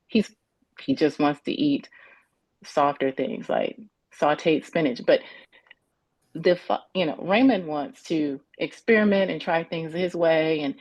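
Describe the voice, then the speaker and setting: A woman testifying as a parent in a custody hearing over a video call, talking haltingly and restarting her sentences as she searches for words. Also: sits low, darkish tone, no echo. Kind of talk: court testimony. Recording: dull, dry video-call audio.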